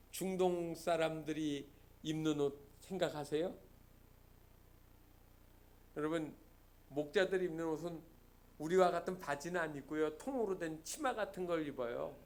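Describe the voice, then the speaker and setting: A male pastor preaching a storytelling sermon, going from hushed lines to loud, emphatic peaks and briefly acting out the people in his stories. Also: sits high. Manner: acts out quoted characters in short dialogue.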